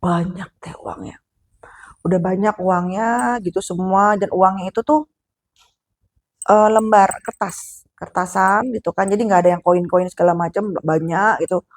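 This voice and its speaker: A woman's voice: mid-range voice, fairly even intonation, normal speed. A woman with a Sundanese accent casually telling a horror story, chatty and addressing the listener directly as she goes.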